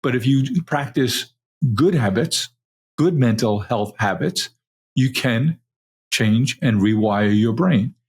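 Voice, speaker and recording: A man hosting a conversational interview, explaining and telling stories in a measured, deliberate way. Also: mid-range voice, animated, slightly rough. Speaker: podcast interviewer. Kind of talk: conversational long-form interview.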